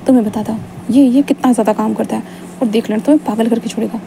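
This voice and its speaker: A woman reading a storybook voices a calm, cocky young man who talks curtly and teases smugly. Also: fairly high pitch, fast talker, gravelly, background noise. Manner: cool, curt, smugly teasing.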